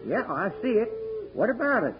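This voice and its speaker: An actor playing a feisty, folksy old prospector in an old radio western. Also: male voice, sits high, big pitch swings, fairly quick, music in the background. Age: older. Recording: noisy, muffled old radio recording.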